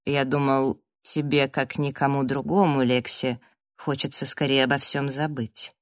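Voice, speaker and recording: A woman voicing a calm, guarded young man in an audiobook, measured and cold. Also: rumbling low, no echo, clean studio sound. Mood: cool.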